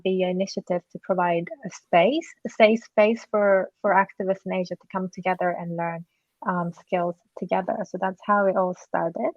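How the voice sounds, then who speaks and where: A woman panelist with a somewhat low voice, heard over dry, slightly dull audio. She explains things earnestly and thoughtfully, pausing on fillers and correcting herself mid-sentence. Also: no room sound. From Japan. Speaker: panelist, co-founder of an activist group. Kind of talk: panel discussion answer.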